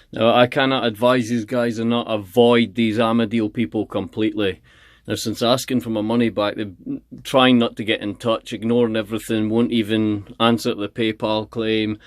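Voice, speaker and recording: A man's voice: lowish voice, dry recording, studio quality. Angry man ranting. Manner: heated, confrontational and repetitive. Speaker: channel host.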